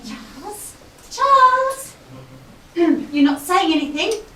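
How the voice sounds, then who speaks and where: An actress playing a fussy, indignant wife in a stage farce, theatrical and drawn out, recorded from far off in an echoey theatre. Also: female voice, very high voice, very animated, measured pace, a bit bright, full character voice. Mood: pleading. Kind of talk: amateur stage farce acting.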